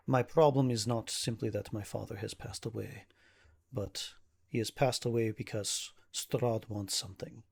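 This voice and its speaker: A man voicing a stressed, tired young nobleman who speaks in a formal, halting, old-fashioned way. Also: fairly low pitch, creaky, a little mellow, breathy edge, heavily acted. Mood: worried. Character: weary young nobleman, grieving son of a town leader.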